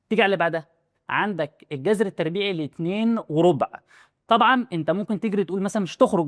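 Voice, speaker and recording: A man's voice: on the high side, no echo, clean studio sound. A young man with an Egyptian Arabic accent explaining a math lesson in a casual, chatty way, often checking whether the student follows. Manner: rapid, chatty, asks the student rhetorical questions. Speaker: math teacher.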